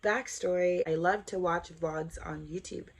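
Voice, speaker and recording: A woman's voice: fairly low pitch, fairly even intonation, unhurried, gravelly, husky. A woman in her twenties from Southern California, introducing herself in an earnest, upbeat scripted vlog. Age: 20s. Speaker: vlogger.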